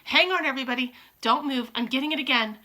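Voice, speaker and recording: A tall witch, high-pitched and urgent, shouting her alarm in quick bursts, as a woman reading a storybook puts her on. The voice is bright and sharp. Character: tall female witch sniffing anxiously.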